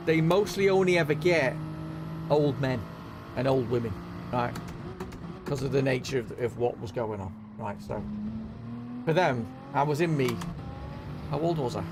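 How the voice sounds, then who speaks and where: A man's voice: a little high, creaky, noisy background. A middle-aged man, hosting a live stream and telling a casual anecdote, often checking in with "right?" and "you know what I mean?".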